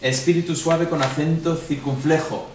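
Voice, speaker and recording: This man, a Greek teacher with a Spanish accent, reviews material with a class, explaining each answer step by step and quizzing students as he goes. His voice is a little high, steady, and slightly mellow at a moderate pace. He's captured from afar in an echoey room, with a faint hum beneath.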